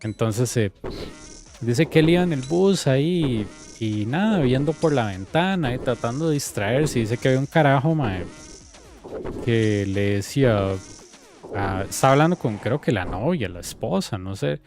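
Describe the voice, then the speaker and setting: A man's voice: mid-range voice, expressive, moderate pace, over music. A man with a Costa Rican accent telling a story casually, loose and slangy, with a filler word after nearly every phrase. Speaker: streamer.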